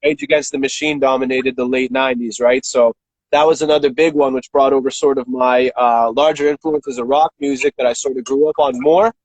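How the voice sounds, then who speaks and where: A man's voice: medium pitch, fairly even intonation, brisk, no room sound, poor audio. A man in his thirties from Russia, a rapper talking as an interview guest in a laid-back way, swearing freely and filling with "like" and "man.". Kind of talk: casual interview chat.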